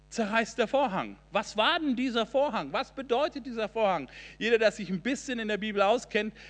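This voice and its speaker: Male preacher, high-pitched and emphatic, sermon in a reverberant church hall. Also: fairly bright tone. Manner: impassioned, emphatic preaching with repeated phrases.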